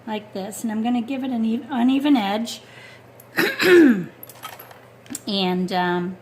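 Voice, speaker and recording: A woman's voice: fairly high pitch, slow pace. A woman giving a casual watercolor painting tutorial at home, talking close to the mic and thinking aloud with lots of fillers. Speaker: art instructor. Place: home studio with a wood stove. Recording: faint blower hum behind.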